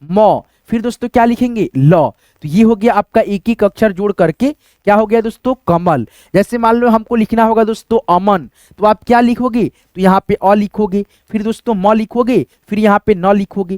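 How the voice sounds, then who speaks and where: Guy teacher walking thru the basics, high smooth voice, dry close sound. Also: a little mellow, no room sound. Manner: explains slowly and step by step, says "friends" often, asks then answers himself. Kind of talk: casual Hindi writing lesson.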